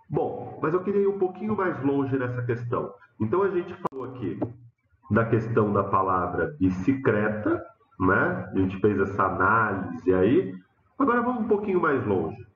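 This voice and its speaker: A man with a São Paulo Portuguese accent teaching a lesson, lively and questioning, acting out students' voices. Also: slight background noise. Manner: animated, acts out students' questions with rising pitch. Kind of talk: lecture to students. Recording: dull, roomy classroom sound.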